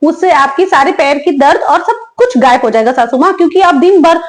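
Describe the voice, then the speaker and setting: A woman voicing a lazy, cheeky young daughter-in-law who talks back quickly and chattily in a comic family sketch. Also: high-pitched, animated. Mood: arguing. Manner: quick, chatty, giggly backtalk.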